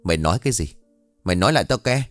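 A man voicing a bossy, spiteful old mother-in-law who shouts and hisses insults at her daughter-in-law. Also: on the low side, big pitch swings, brisk, dry recording, soft background music. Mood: scolding. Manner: harsh, shouting, hissing insults.

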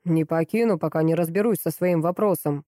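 A gruff, growling boss, blunt and domineering, as a woman narrator puts him on. The voice is mellow and dark, dry and close to the mic. Audiobook character reading. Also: low voice, brisk, no room sound, lightly acted. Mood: stern. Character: angry blunt rich man, domineering boss.

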